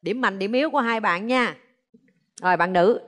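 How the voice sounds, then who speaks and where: A woman's voice: mid-range voice, moderate pace, fairly bright tone. A woman with a southern Vietnamese accent, hosting a dating show in a casual way. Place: TV studio stage. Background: studio crowd.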